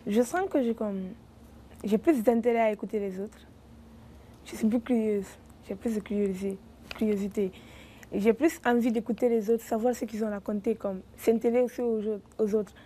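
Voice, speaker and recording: A woman's voice: fairly high pitch, moderate pace, warm tone, slight background noise. A young newcomer woman speaking eagerly and repeating herself in a documentary interview.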